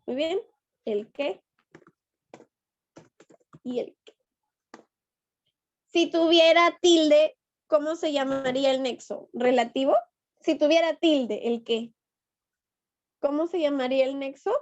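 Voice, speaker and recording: A woman's voice: high voice, measured pace, long pauses, a little mellow. A woman teacher, taking her class step by step and patiently coaxing answers out of her students. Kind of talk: online class lesson. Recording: dull lo-fi online class audio.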